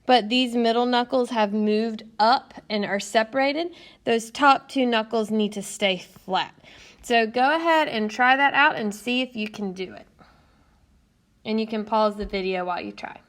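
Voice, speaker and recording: A woman teacher narrating a recorded lesson in a patient, explanatory way, often pausing with "um". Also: on the high side, a bit bright. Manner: patient, explanatory, frequent "um" fillers. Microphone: tablet screencast mic.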